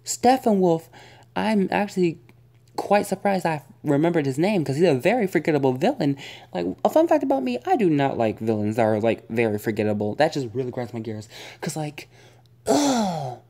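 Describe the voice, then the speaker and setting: A woman's voice: deep voice, sing-song, moderate pace, mellow. A young woman vlogger giving a casual spoken movie review, rambling and exasperated, full of fillers and groans.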